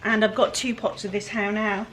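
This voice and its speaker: A woman's voice: mid-range voice, flat delivery, moderate pace, fairly bright tone, a little hiss or hum. Woman, West Country English accent, chatty DIY vlogger, rambles and pokes fun at herself. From England-Wales border, UK. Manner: chatty, rambling, self-deprecating. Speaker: furniture flipper. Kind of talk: casual DIY vlog narration.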